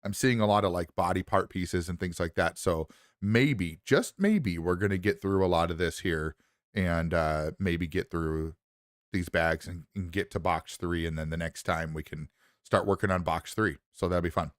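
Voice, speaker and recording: A man's voice: sits low, fairly even intonation, normal speed, no echo, studio quality. A man streaming casually in a groggy morning voice, rambling upbeat into a lapel mic. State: low morning voice. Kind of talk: casual livestream chat.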